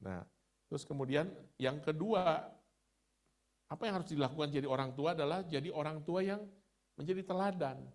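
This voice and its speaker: A man's voice: on the high side, moderate pace, pauses often, darkish tone. A middle-aged man from Indonesia giving a conversational sermon with chatty personal stories. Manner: storytelling, chatty, laughs at himself.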